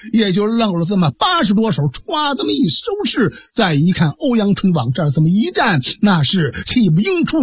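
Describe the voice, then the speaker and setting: A man performing a traditional story, dramatic and lively, with asides to listeners. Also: high voice, breathy edge, no echo, clean studio sound.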